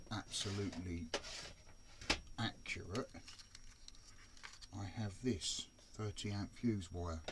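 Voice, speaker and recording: Hobbyist, deepish voice, easygoing self-deprecating workbench chatter, faint room hum behind. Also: male voice, creaky. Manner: chatty, self-deprecating, muttering while working. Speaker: scale model builder. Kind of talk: casual build commentary.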